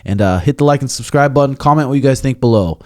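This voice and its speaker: A man's voice: medium pitch, fast, dark tone, no room sound, clean studio sound. A young man hosting a casual podcast, laid-back and crude, swearing freely. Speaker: podcast host.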